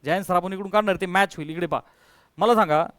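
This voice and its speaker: A man teaching physics to a class, coaxing his students to answer louder and quizzing them step by step. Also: high voice, fast talker, no echo. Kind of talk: classroom lecture.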